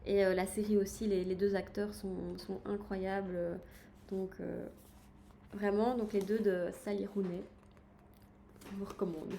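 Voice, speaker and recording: A woman's voice: medium pitch, flat delivery, unhurried, creaky, long pauses, mellow, a little hiss or hum. A woman chatting in a casual book-review livestream, enthusiastic and full of hesitations as she recommends books. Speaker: book streamer.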